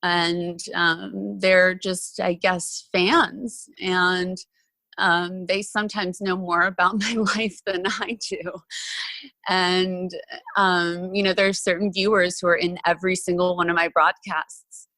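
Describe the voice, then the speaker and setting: A woman speaks as a podcast guest in an easy, open, chatty way, often stopping for fillers. Her voice sits on the low side for a woman. The recording is dry and close, with no room sound. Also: flat delivery, slow pace, sharp tone, dry recording. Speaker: podcast guest, actress and former TV reporter. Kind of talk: casual interview conversation.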